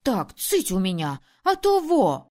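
A woman's voice: fairly high pitch, sing-song, measured pace. A woman voicing a cocky red-haired village boy who leads a small gang. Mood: bossy. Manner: bossy, blustering.

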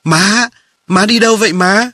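A man doing a young boy calling out high. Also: moderate pace, sharp tone, dry recording. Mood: excited. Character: young boy, the narrator's little brother, crying out.

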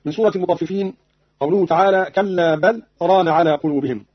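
A man giving a formal scripted explanation of Quranic reading variants in a deliberate classical delivery, on an old radio archive recording. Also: high voice, husky, no echo, dull audio.

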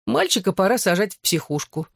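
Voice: mid-range voice, big pitch swings, brisk, vocal fry, dry recording, studio quality. A reader voicing a blunt, mocking teenage girl in an audiobook. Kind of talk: audiobook character voice.

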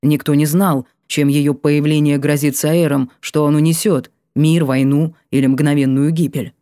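A woman narrating an audiobook in a calm, measured way. Her voice sits low and sounds mellow, and the recording is dry and close to the mic. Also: no echo.

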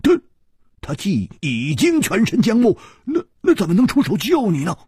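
A male storyteller voicing a brash, boisterous young swordsman who shouts and stammers excitably. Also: high-pitched, moderate pace, slightly rough, no echo, studio quality, voice pushed up, full character voice. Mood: puzzled.

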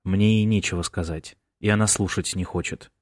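A sullen, irritable young man, read by a man. He talks gruffly, as if through clenched teeth. Low voice, dry close sound. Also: fairly even intonation, normal speed, no room sound, natural voice. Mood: irritated, sullen.

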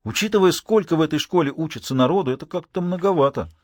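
A man's voice: a little high, fast, a little mellow, no echo, voice pushed up, lightly acted. A man voicing a cheerful teenage schoolboy who banters with mock enthusiasm, in an audiobook recorded in a dry, close space. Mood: joking.

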